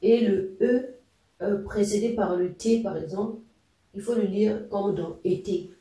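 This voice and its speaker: A language teacher talking slowly and patiently, with a very dark, mellow tone and frequent hesitant pauses. The voice sits a little back from the mic in a strongly echoey room, with each word given time to land. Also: medium pitch, distant mic. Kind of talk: explanatory language lesson.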